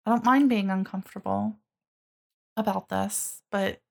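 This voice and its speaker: A woman's voice: mid-range voice, steady tone, a little slow, gravelly, a little mellow. A woman co-hosting a podcast, chatting candidly and wryly about a TV episode. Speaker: podcast co-host. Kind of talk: casual chat reviewing a TV episode.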